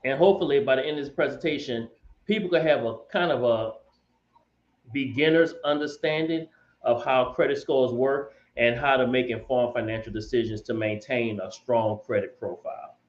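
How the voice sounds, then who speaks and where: Measured man in a roomy space. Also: mid-range voice. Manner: measured, hesitant with many ums. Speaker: financial expert guest. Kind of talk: casual explanatory chat. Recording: roomy, dull remote audio.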